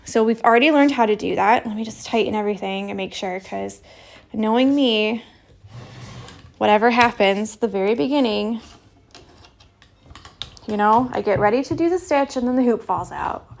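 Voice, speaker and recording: A woman's voice: fairly high pitch, normal speed, vocal fry, long pauses, a little hiss or hum. A woman teaching an embroidery stitch in a casual, chatty livestream, filling her sentences with "like". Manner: chatty, lots of "like" fillers.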